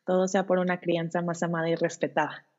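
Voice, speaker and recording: A woman, a guest on an interview podcast, talking in an animated way and acting out parent-child dialogues. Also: lowish voice, quick pace. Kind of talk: conversational interview. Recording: dull lo-fi sound.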